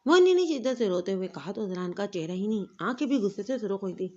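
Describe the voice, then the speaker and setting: A woman narrating a romantic novel in an expressive storytelling voice. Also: medium pitch, lo-fi sound.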